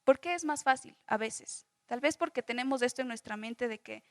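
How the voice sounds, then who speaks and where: A young Bolivian woman leads a Bible study, her voice sitting a little high. She explains patiently, circling back and repeating herself to make the point plain. The sound is close and dry, with no room around it. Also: moderate pace, no echo. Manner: explains with homely examples, repeats phrases, many restarts. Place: church school classroom.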